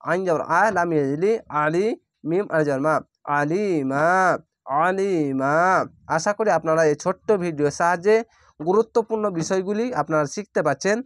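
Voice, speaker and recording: A man teaching Quran reading, spelling out each syllable slowly and then blending it into the word. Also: high-pitched, dry recording, clean studio sound. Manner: draws out recited words very slowly. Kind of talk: slow letter-by-letter recitation lesson.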